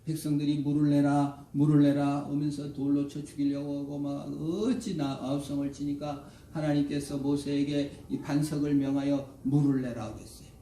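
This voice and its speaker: High-voiced man preaching in an echoey church. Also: flat delivery, moderate pace, hardly any pauses, warm tone, a little hiss or hum. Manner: preaches with dramatic swings, acting out characters' lines. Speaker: pastor. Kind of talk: sermon. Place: church sanctuary. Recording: roomy church echo, mic at a distance.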